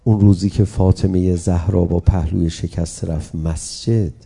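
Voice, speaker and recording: Gravelly-voiced male preacher. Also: sits low, steady tone, dark tone. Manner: emphatic, addresses the congregation directly. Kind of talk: sermon with mourning recitation.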